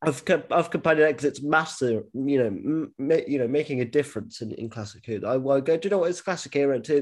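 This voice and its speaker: Animated, sweary male podcast host. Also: a little high. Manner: animated, frequent swearing and false starts. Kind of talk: casual podcast chat.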